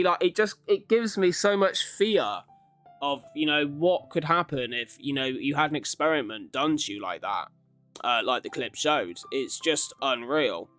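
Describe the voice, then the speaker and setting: A YouTube reaction host hosts a casual ranking commentary, rambling along in an informal, conversational way over background music. His voice is medium-pitched, smooth and a little bright.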